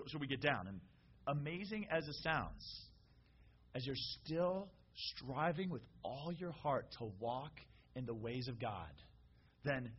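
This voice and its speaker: A man preaching a casual, animated sermon and calling out to the congregation. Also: medium pitch, lo-fi sound, slight background noise.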